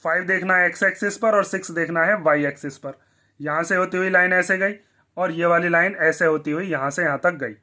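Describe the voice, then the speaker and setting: Male maths teacher, high voice, bright tone, asks and answers his own questions. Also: fairly quick. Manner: asks the class questions and answers them himself. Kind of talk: blackboard maths lesson.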